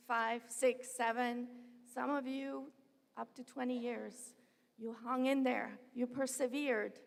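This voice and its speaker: A woman delivers a commencement address at a podium microphone, her voice slightly high with a gravelly edge. She speaks in a heartfelt, personal way and often strays from her script. Her words ring out with the long reverb of a large hall. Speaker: university president.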